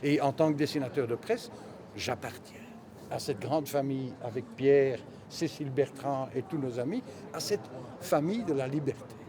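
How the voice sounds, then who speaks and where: Being interviewed as a cartoonist and press illustrator, a Belgian native Dutch speaker answers in a relaxed way while a crowd chatters all around. His voice is mid-range at a normal pace.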